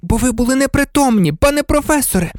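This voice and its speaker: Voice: high voice, expressive, fast, no echo, studio quality, voice pushed up. A reader voicing a clever, earnest teenage girl in a storybook, speaking bluntly.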